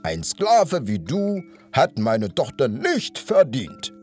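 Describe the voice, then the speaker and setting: Ein Mann als gebieterischer Löwenkönig. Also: male voice, medium pitch, huge pitch swings, takes it slowly, darkish tone, faint music behind, pitched above the performer's own voice. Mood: commanding. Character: lion king, stately older male ruler.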